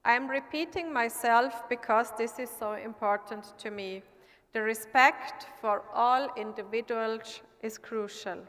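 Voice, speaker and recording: A woman from Austria who sits in parliament, giving an earnest, measured prepared speech at an assembly. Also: a little high, a bit bright. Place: large assembly hall. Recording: long hall reverb.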